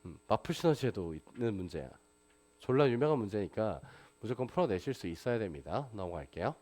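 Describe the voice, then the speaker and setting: A man's voice: fairly low pitch, very animated, brisk, darkish tone. A man teaching a math class, lecturing and constantly asking his students rhetorical questions. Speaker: math tutor.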